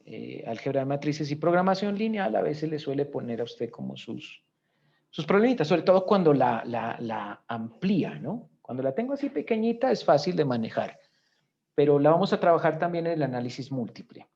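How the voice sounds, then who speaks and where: A man with a fairly high, gravelly voice and a darkish tone swings widely in pitch while speaking at a normal pace, and the recording sounds lo-fi. He's giving a recorded economics lecture, walking through a spreadsheet step by step and frequently checking in with his students.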